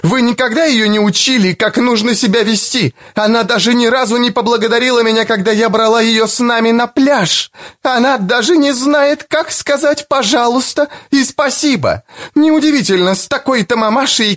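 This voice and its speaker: A man voicing a furious, distraught mother who shouts in a high, trembling voice. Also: normal speed. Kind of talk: audiobook character voice.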